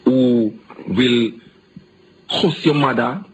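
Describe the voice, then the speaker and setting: A Jamaican man hosting a radio interview, telling stories in animated patois. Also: medium pitch, very slow, a little hiss or hum, poor audio. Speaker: radio host.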